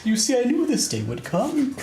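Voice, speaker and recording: A man's voice: extremely high pitch, wildly swooping pitch, normal speed, dark tone, voice pushed up, heavily acted. A man voicing a grandiose, boastful talking fish in a tabletop game, theatrical and gleeful. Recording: echoey room with background noise.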